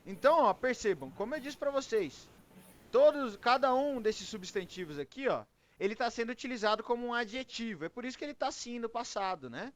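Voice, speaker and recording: A man's voice: very high-pitched, animated, fairly quick. A Brazilian man teaching English to a group in Portuguese, often checking in with "ok?" as he explains. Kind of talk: online English class.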